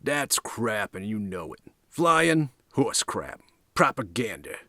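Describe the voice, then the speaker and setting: A scornful know-it-all thug, as a male reader voices him, blunt and scoffing. He is pitched higher than the narrator and jumps around a lot, in a dry, close storybook reading. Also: big pitch swings, slow pace, sharp tone, no echo, heavily acted.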